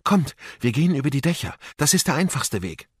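A man voicing a clever, brave young girl who talks urgently and in a hushed way, in a storybook reading. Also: medium pitch, sing-song, a little fast, breathy edge, no room sound, clean studio sound, voice pushed up.

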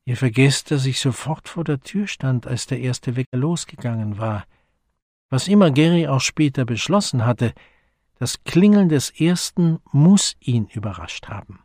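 A man voicing a brisk, questioning young gentleman in a story. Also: mid-range voice, lively intonation, no echo, studio quality.

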